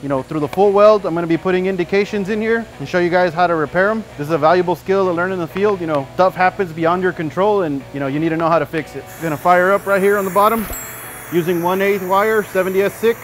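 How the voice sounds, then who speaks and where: A man in his thirties giving a relaxed, folksy welding demonstration in a shop, talking the viewer through each step. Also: sits high, fast. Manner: relaxed, folksy, frequent "you know". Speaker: welding instructor. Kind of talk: casual demonstration tutorial. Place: large welding shop indoors.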